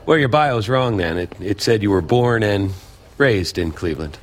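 A man's voice: on the low side, expressive, moderate pace, close to an everyday voice. An actor playing a suspicious man in a radio drama who asks dry, pointed questions. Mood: probing. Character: suspicious, probing older man.

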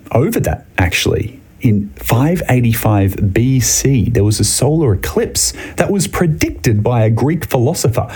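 Mellow, lively children's show host. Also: male voice, medium pitch, slightly rough. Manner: enthusiastic storyteller. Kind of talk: scripted narration for children.

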